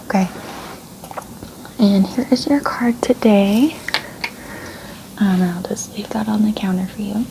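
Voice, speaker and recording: Soft whispering woman, librarian role-play. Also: medium pitch, a little slow, pauses often, background noise. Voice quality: soft-spoken, breathy near-whisper. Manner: polite, reassuring, gentle customer-service phrasing. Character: gentle, helpful female librarian. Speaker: ASMR creator playing a librarian.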